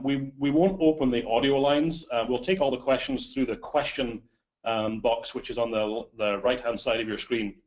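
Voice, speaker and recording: Hoarse man hosting a webinar. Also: mid-range voice. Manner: many fillers, hesitant. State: hoarse from a cold. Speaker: webinar host, marketing director. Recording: dull lo-fi webinar audio.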